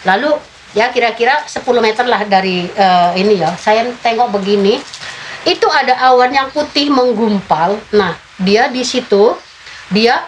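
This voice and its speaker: A woman in her fifties giving a personal faith testimony in an interview, telling her story in a halting way with many filler sounds. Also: fairly high pitch, a little hiss or hum, poor audio. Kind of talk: personal testimony told in conversation.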